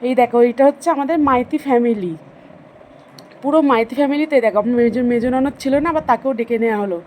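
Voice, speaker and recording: A woman's voice: on the high side, fast talker, mellow, a little hiss or hum, rough recording. A middle-aged woman vlogger narrating family photos in a chatty, affectionate way, stopping to explain who is who in the family.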